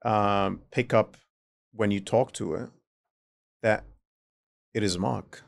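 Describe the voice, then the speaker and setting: At a slow pace, a man with a non-native accent and a lowish voice full of vocal fry hosts a podcast. He keeps the interview casual, asking probing questions and frequently giving brief affirmations, in a dry, studio-quality recording.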